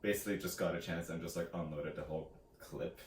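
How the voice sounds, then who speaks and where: Deep-voiced and steady, this fast-talking man co-hosts a vlog about books and chats casually while recounting the plot of a novel. His retelling is rambling and hesitant, with characters quoted in casual asides. It was recorded in an echoey room with faint noise in the background.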